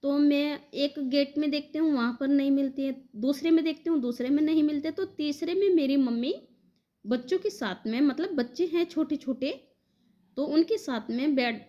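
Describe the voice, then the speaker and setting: A woman's voice: sits high, moderate pace, muffled recording. A woman telling devotees about a spiritual vision in a conversational, devotional way. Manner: warm devotional address, conversational retelling. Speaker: devotional storyteller.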